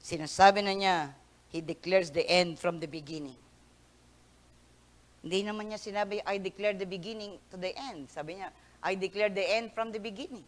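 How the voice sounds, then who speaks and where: A woman pastor giving a Sunday sermon, mixing Tagalog with English, swinging from loud emphatic peaks to soft near-whispers and stretching words out for emphasis. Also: medium pitch, normal speed. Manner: mixes Tagalog with English phrases.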